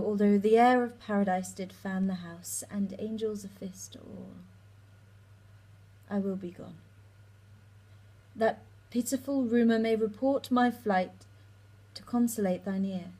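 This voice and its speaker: A woman performing a guilt-torn lovesick young noblewoman in a slow, impassioned Shakespeare recital. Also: mid-range voice, warm tone, poor audio. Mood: anguished.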